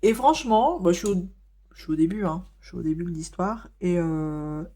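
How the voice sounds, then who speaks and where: A woman with a somewhat low voice talks casually to her viewers while she colors at home. She fills her sentences with hesitant fillers and often stops to restart a thought. Her tone is wry and easygoing. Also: moderate pace, warm tone. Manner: chatty, many hesitations and fillers. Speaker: vlogger.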